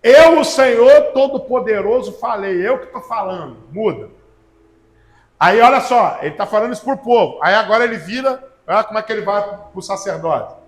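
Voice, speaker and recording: A man preaching a sermon, stressing slow phrases and then rushing on, speaking straight to his listeners. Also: high voice, expressive, a bit bright. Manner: emphatic, slow stressed phrases then rapid follow-ups; talks to the listeners directly, calling on people by name. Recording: echoey room.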